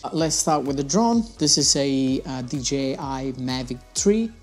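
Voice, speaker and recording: For his fishing channel's gear review vlog, a young adult man talks through his equipment at a desk in a small room, wearing a lapel mic. His mid-range voice is expressive and a little slow, the tone casual and chatty with slightly non-native phrasing, and soft music plays underneath.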